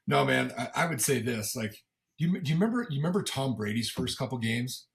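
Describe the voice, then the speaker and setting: A middle-aged man with a gravelly smoker's rasp chats casually as a sports interview guest, often repeating words as he goes in a folksy, self-deprecating way. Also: mid-range voice, lively intonation, a little fast. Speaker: football commentator and former coach, as guest.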